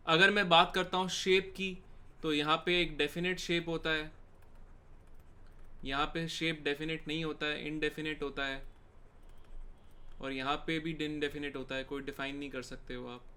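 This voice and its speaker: A young Indian man with an Indian accent giving a live online chemistry exam-prep lecture, chatty and informal, speaking loudly and greeting viewers as he teaches. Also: a little high, smooth. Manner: loud, forceful delivery.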